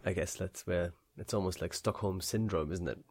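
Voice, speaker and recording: Low-voiced man in dry casual chat. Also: moderate pace, a little mellow, no room sound. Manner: casual, lots of "like".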